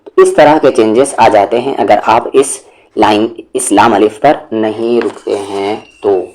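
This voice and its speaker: Low-voiced patient Quran teacher. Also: male voice, fairly even intonation, darkish tone. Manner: patient, explains step by step, slow melodic recitation of verses. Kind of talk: explanatory tajweed lesson with recited examples.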